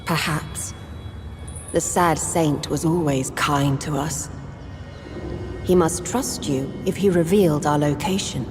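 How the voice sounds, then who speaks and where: An actress playing a proud, guarded old vampire outcast leader in a video game, stern, measured and solemn. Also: female voice, deep voice. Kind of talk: dramatic video game acting. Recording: long hall reverb, loud music behind.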